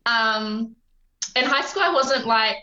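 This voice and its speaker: A woman's voice: a little high, takes it slowly, bright, forceful tone. A woman in her twenties with a New Zealand accent, chatting as a podcast guest, full of ums and easy laughs. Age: 20s. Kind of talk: casual interview chat. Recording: roomy, dull lo-fi remote line.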